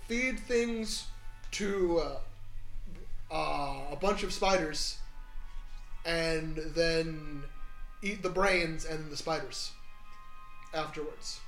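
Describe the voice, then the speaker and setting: A man narrating a tabletop game casually as game master, halting as he searches for words. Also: fairly high pitch, fairly bright tone. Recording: roomy, faint music behind.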